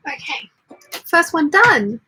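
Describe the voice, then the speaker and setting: A woman hosting a casual live sewing hangout, talking through her work and chatting along, with a slightly husky voice. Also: high-pitched, big pitch swings, slow, pushed and bright, slight background noise. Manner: muttering commentary while working; reads chat messages aloud. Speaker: sewing livestream host.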